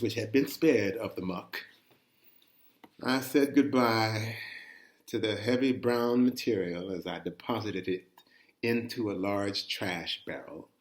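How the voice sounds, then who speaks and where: Expressive and conversational, a mid-range male voice reads out a first-person chronicle in the manner of a dramatic storyteller, giving his phrasing deliberate emphasis.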